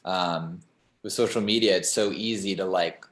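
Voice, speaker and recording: A man's voice: low-pitched, fairly even intonation, moderate pace, a bit bright. A young man talking casually as an interview guest, rambling, with many "like" and "you know" fillers. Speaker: singer-songwriter guest. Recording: roomy echo.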